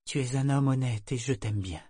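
A man voicing a young woman sailor disguised as a boy in a storybook reading; he keeps her quiet, steady and earnest. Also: medium pitch, normal speed, husky, no echo, studio quality, lightly acted. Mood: grave. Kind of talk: audiobook character reading.

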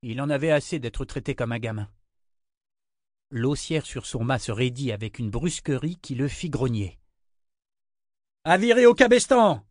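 A man reading a novel aloud in measured scripted narration. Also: medium pitch, a little mellow, no room sound, clean studio sound. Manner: measured, storytelling. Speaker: audiobook narrator.

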